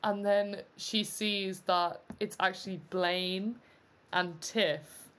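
A woman's voice: mid-range voice, little pitch movement, slow pace, fairly bright tone. A woman co-hosting a podcast, chatting casually about a film, rambling with many restarts. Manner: rambling, full of fillers and restarts, laughs often. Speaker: podcast co-host.

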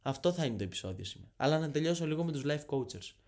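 A man's voice: on the high side, animated, a little mellow. A young man in his twenties hosting a comedic rant, sarcastic and swearing freely. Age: 20s. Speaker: podcast host.

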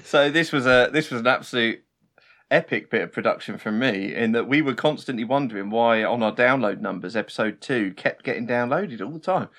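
A man's voice: medium pitch, brisk, fairly bright tone. A man, co-hosting and producing a podcast, who laughs easily and mocks himself in casual chat. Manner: laughs often, self-mocking.

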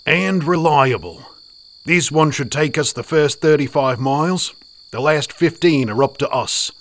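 A man's voice: fairly high pitch, a little slow, lightly acted. A man doing a breezy Australian bushman. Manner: breezy, slangy, matter-of-fact.

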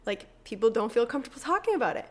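Woman, podcast co-host, fired-up casual chat, swears freely, a touch high-pitched. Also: sing-song, racing. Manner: enthusiastic, swears casually, laughs often.

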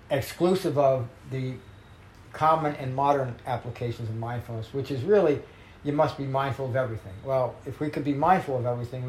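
A man teaching meditation in a measured, emphatic way, reading a Buddhist text and explaining it to a group. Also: medium pitch, darkish tone, reverberant, slight background noise, poor audio. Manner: measured, emphatic teaching with slowed key phrases. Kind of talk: dharma talk reading a sutta.

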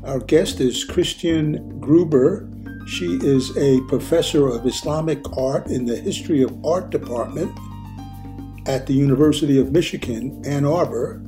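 Slow-spoken older man hosting, music behind. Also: fairly high pitch. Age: 80s. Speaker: host. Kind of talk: video-call panel moderating.

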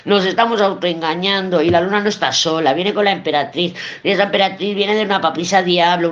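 A woman's voice: lowish voice, fairly bright tone, lo-fi sound. A woman with a Spain Spanish accent giving a weekly tarot reading, blunt and emphatic, swearing and repeating herself for emphasis. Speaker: tarot reader.

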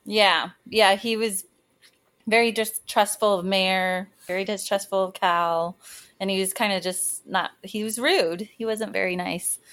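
A woman's voice: mid-range voice, fairly even intonation, fairly bright tone. Easygoing woman chatting about a book, agrees a lot, laughs easily, mid voice. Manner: agreeable, quick to laugh, casual fillers. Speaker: podcast co-host. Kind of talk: casual book discussion.

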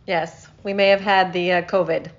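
A woman's voice: fairly low pitch, steady tone, normal speed. Giggly middle-aged woman, dull phone sound. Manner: brief agreeing replies, giggly. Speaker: podcast co-host. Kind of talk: casual chat. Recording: lo-fi phone recording.

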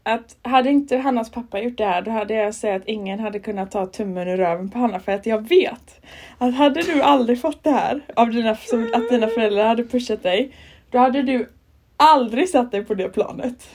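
A woman's voice: on the high side, darkish tone. A young woman from Sweden co-hosting a podcast, speaking earnestly and emotionally in casual chat. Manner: earnest, emotional, quick to react with short replies. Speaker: podcast co-host.

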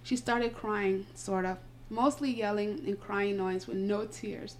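A woman's voice: mid-range voice, steady tone, a little slow. A woman hosting a casual podcast, reading a post aloud, her speech slightly slurred by retainers. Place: indoors, home recording. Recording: buzzing noise in background.

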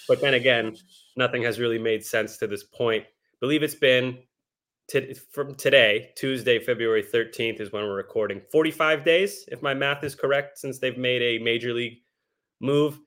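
A man's voice: mid-range voice, steady tone, normal speed. A man with an ordinary mid-range voice talks as a podcast guest. He works through his points step by step, thinking aloud. The delivery stays casual and conversational. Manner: analytical, thinks out loud. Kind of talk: casual sports chat.

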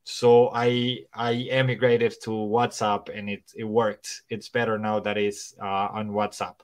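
His voice sits on the low side with little pitch movement, and he speaks at a measured pace. A native Spanish speaker and English teacher, he chats casually on a podcast in Spanish-accented English with Irish and American touches, rambling with plenty of restarts and fillers.

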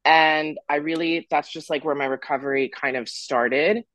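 A man's voice: on the high side, fairly even intonation, moderate pace, a bit bright, no echo. Candid young man telling his story. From Florida, USA. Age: 20s. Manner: candid, rambling, stops and restarts. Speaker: podcast guest. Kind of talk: casual interview storytelling.

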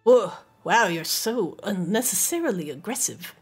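A woman voicing a wary male were-rat in a tabletop game, with a twitchy, squeaky rat voice and nervous, halting speech. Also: lively intonation, slightly rough, soft background music. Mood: uneasy.

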